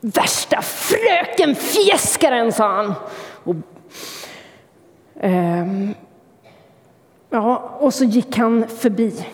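A woman telling a story in church as a sermon, expressive and lively. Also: mid-range voice, in a large hall.

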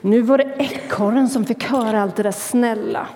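A woman telling a story in church as a sermon, expressive and lively. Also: fairly high pitch, in a large hall, a little hiss or hum.

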